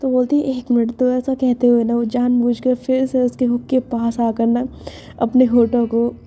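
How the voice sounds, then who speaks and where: Mellow-voiced woman telling a love story. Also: on the high side, monotone, normal speed, dull audio. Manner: chatty, intimate retelling with many fillers. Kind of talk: casual romance story narration.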